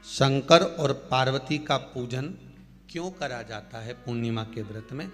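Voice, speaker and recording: Forceful male devotional storyteller. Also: mid-range voice, a little slow. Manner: emphatic, asks listeners rhetorical questions. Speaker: religious storyteller. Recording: long hall reverb, faint music.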